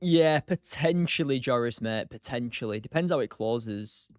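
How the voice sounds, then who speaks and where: A man's voice: mid-range voice, lively intonation, moderate pace, a little mellow, dry recording, studio quality, soft background music. A tired man hosting a live stream, thinking aloud and answering chat in a loose, casual way. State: tired, short on sleep. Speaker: streamer, day trader.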